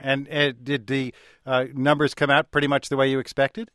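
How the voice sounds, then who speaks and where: A man hosting a radio call-in show with a smooth, easy radio-host delivery, speaking into a studio microphone. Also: medium pitch, little pitch movement, moderate pace, fairly bright tone, no echo.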